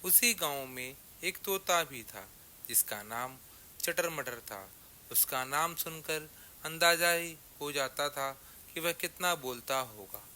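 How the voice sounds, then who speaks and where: Slow, bright-voiced male storyteller. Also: on the high side, animated, a little hiss or hum. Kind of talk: scripted children's story narration.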